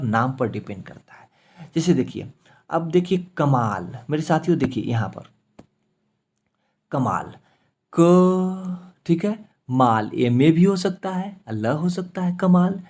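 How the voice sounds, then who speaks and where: A man's voice: a little high, darkish tone. A man teaching an English spelling lesson, explaining step by step and spelling names out letter by letter, often checking in with his students. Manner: explains step by step, repeats "ठीक है" and "मेरे साथियों".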